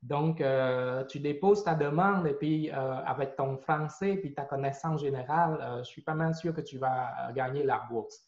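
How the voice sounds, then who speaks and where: Sharing his testimony of faith, a Khmer-speaking man from Cambodia in his forties hesitates often, repeating words and using lots of fillers. His voice is a little high, his pace moderate with hardly any pauses. The sound is roomy, dull and lo-fi.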